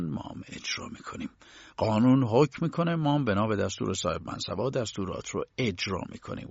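A man reading as smug low-ranking guards, curt and dismissive, flat low delivery, dull lo-fi sound, dry. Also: creaky, slightly rough, no echo, heavily acted.

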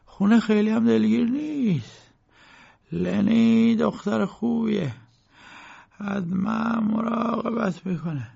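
A man voicing a frail, bedridden old lawyer who speaks slowly and weakly in an audiobook, on a dull lo-fi recording. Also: high voice, gravelly, slightly rough, voice pushed up, heavily acted. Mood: weary. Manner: slow, weak, soft-spoken. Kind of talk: audiobook character voice.

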